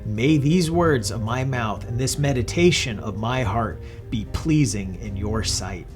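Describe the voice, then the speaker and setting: A man's voice: medium pitch, lively intonation, a little slow, music in the background. A man hosting a church kids' show, explaining a lesson to children in a friendly way. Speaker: host.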